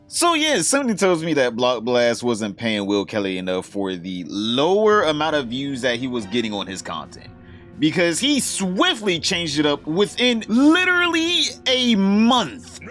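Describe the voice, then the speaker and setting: Animated man doing crude mocking commentary. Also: mid-range voice, measured pace, soft background music. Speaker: podcast host. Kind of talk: reaction commentary.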